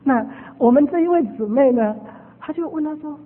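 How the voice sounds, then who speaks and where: A woman preacher telling a testimony as a storytelling sermon, animated and repeating her phrases. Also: high-pitched, normal speed. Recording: phone-like radio broadcast with long reverb.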